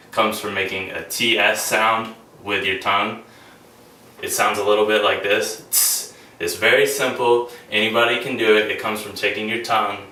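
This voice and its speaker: A young man with a lowish voice and a bright, forceful tone gives a casual class talk on beatboxing, with frequent ums and restarts. The distant mic picks him up in an echoey room with faint hiss.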